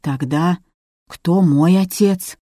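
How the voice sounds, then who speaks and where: A woman's voice: on the low side, takes it slowly, warm tone, dry recording, clean studio sound. A woman voicing a young male house manager who asks hesitant, hurt questions. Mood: bewildered.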